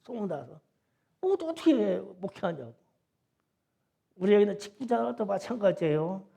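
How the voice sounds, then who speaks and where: A middle-aged pastor delivers his Sunday sermon from a church sanctuary, his high, gravelly and creaky voice moving in a sing-song way at a moderate pace. His storytelling is folksy and conversational. Quiet asides give way to loud, insistent emphasis whenever he presses a point.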